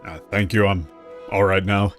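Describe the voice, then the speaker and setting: A male game streamer with a fairly low voice, talking casually and thinking out loud as he plays. He paraphrases the dialogue in a loose, chatty way, with soft music in the background. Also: steady tone, normal speed. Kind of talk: casual let's-play commentary.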